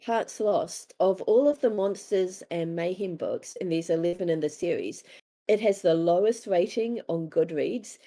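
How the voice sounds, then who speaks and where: Speaking a little slowly, in a fairly low, dark voice, a New Zealand-accented woman is interviewed about her work as an author. She's casual, candid and self-deprecating, voicing snippets of dialogue in her stories.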